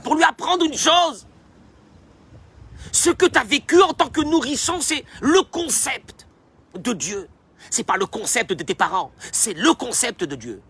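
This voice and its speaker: A man giving a sermon as a rabbi, animated and emphatic and speaking straight to his listeners. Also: high-pitched, husky.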